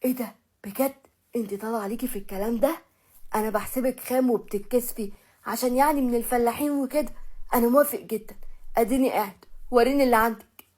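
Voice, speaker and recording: A woman's voice: a little high, steady tone, fast talker, darkish tone, natural voice. A woman voicing an exasperated young rich husband, fed up and complaining, with an Egyptian accent. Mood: mocking.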